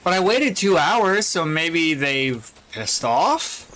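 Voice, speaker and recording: A man's voice: on the high side, very animated, slow, sharp tone. A man streaming a game, commenting casually to himself, swearing and puzzled at what happens. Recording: faint game music behind.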